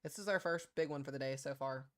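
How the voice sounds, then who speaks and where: A man's voice: medium pitch, quick pace. A man hosting a live severe weather stream, giving informal commentary with muttered asides and emphatic calls. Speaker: severe weather livestream host. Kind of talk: live storm coverage commentary.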